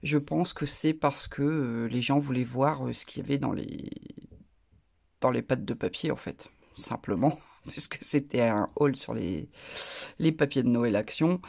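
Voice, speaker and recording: Her rumbling low voice is a little slow and a little mellow, with vocal fry. She's a crafting YouTuber with a northern French accent who rambles casually, full of asides, while presenting her crafting purchases in a haul video.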